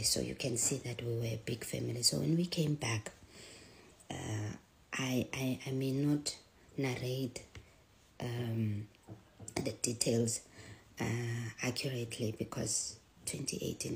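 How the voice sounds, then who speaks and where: A middle-aged woman telling a personal story in a soft, hushed voice that often drops to a near whisper. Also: rumbling low, creaky, slight background noise, low-quality recording.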